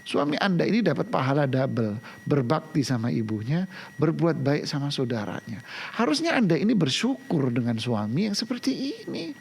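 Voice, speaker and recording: A man teaching Islamic law on a live broadcast, answering viewers' questions in an animated, scolding way and firing off rhetorical questions. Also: fairly high pitch, moderate pace, vocal fry, a little hiss or hum. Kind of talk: live religious Q&A lesson.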